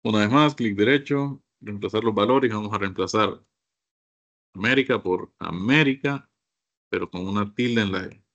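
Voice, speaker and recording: A man's voice: on the low side, moderate pace, a bit bright, highs cut off. A man teaching a computer course, walking his class through each step and often asking them to look. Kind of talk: screen-share software lesson.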